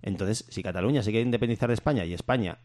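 A man's voice: fairly low pitch, very fast, darkish tone. A man chatting casually and jokingly on a podcast, rambling through a comic argument. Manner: rambling, jokey, breaks into laughter. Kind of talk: casual comedic chat.

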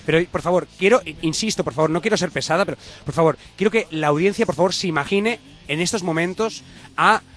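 A man's voice: high-pitched, fast, a bit bright, soft background music. A man co-hosting a comedy show, gossipy, campy and theatrical. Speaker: co-host. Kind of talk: comedic radio banter.

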